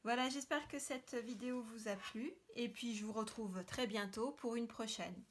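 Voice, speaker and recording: A woman's voice: a little high, moderate pace. A woman hosting a card-making tutorial, talking casually while she works with many hesitations and fillers. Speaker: crafting tutorial host. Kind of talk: casual craft demonstration.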